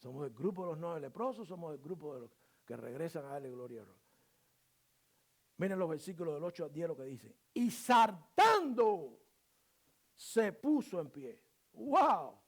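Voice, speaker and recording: A male pastor preaching a sermon, firing off rhetorical questions and swinging between loud emphasis and quiet asides, now and then acting out short voices of church members. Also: on the high side, expressive, quick pace, husky.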